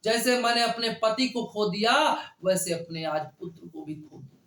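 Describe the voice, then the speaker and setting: A man's voice: sits high, creaky, a bit bright, echoey room. A male teacher explaining a poem line by line, repeating phrases and quizzing the class. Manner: slow and repetitive, quizzing the class. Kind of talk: line-by-line Hindi poetry lesson.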